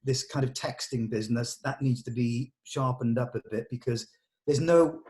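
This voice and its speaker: Giving notes at a table read, this man speaks at normal speed in a medium, somewhat mellow voice. He talks through the script informally, thinking out loud and telling people plainly what to change.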